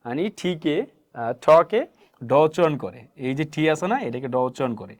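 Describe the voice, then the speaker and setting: A man's voice: a little high, normal speed, darkish tone. A man teaching English pronunciation as a lesson, asking questions and answering them himself and repeating key words. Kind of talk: spoken classroom lesson.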